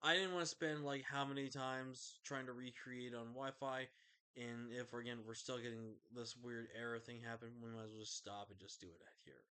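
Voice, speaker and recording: A man's voice: mid-range voice, steady tone, moderate pace, sharp tone, clear, resonant tone. A man giving casual commentary over his own online game match, sleepy and yawning late at night, talking in a loose, chatty way with fillers and self-corrections.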